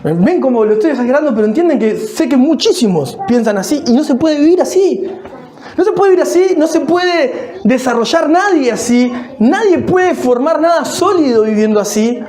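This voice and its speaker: Emphatic Rioplatense pastor preaching in an echoey church. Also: male voice, extremely high pitch, animated, normal speed, hardly any pauses, darkish tone. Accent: Rioplatense Spanish. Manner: emphatic, repetitive, asks the congregation rhetorical questions. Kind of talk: sermon. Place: church sanctuary.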